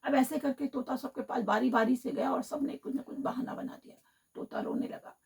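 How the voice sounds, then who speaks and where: A teacher telling a children's story on the radio, talking straight to the children in an animated way. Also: female voice, high-pitched, brisk, creaky, husky. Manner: animated, addresses children directly. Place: radio studio.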